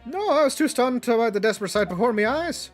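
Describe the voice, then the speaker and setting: High, lilting leprechaun-like Irishman. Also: expressive, brisk, soft background music. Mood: coy, folksy. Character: folksy Irish gentleman witness, leprechaun-like, blarney-laden and deferential. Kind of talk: theatrical video game character reading.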